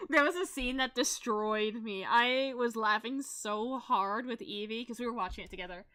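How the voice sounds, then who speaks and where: Bright-voiced giggly young woman streamer. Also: fairly high pitch, normal speed. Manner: giggly, rambling, laughs often. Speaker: VTuber streamer. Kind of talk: casual chat while painting.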